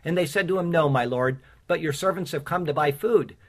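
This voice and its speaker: A pastor preaching a sermon with casual asides and fillers, who reads his own rhymed Bible poem in a measured cadence. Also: fairly high pitch. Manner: earnest, recites rhymed verse in a measured cadence.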